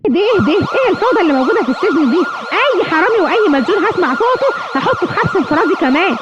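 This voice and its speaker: A woman with an Egyptian accent voicing a cowardly, grumpy male police officer in a children's cartoon story, gruff and dismissive. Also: extremely high pitch, very animated, very fast, lo-fi sound. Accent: Egyptian Arabic. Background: music.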